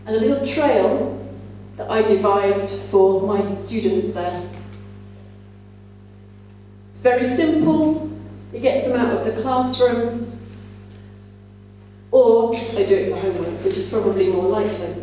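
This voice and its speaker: Heard through a distant mic in an echoey hall with a faint hum, a woman gives a plenary talk to teachers in a large room. She has a soft-edged, mellow, mid-range voice and a measured pace. Her delivery is conversational and instructive.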